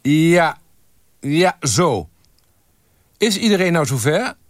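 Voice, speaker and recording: A man's voice: sing-song, slow pace, dry recording, clean studio sound. A man reading aloud from a novel, voicing a cheerful photographer who calls out to a group posing for a photo. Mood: calling out. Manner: calling out loudly, high-pitched.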